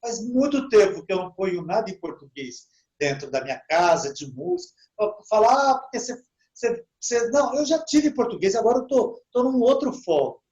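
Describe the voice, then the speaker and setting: Over dull audio, a man with a high voice gives a relaxed online English lesson aimed at Portuguese speakers. He models English words by slowing down and frequently adds "né?".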